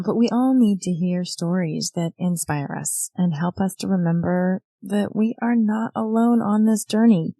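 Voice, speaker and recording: A woman's voice: on the low side, vocal fry, dark tone, dry recording. A woman hosting a podcast, giving an earnest, reflective personal monologue. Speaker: podcast host.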